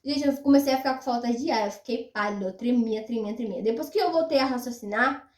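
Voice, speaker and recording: A young woman vlogger telling a personal story to her viewers in a casual, animated way, repeating words for emphasis. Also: fairly high pitch, fast. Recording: roomy echo, mic at a distance.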